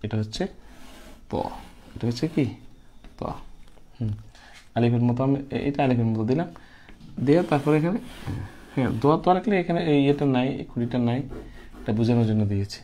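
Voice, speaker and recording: A man's voice: medium pitch, expressive, a little fast, long pauses, warm tone, slight background noise. A man teaching Quran letter pronunciation in a patient, step-by-step lesson, repeating each syllable in drills.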